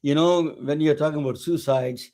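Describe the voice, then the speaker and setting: Halting male webcast host. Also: fairly high pitch, steady tone, dark tone. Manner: halting, many restarts and fillers. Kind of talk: casual interview introduction.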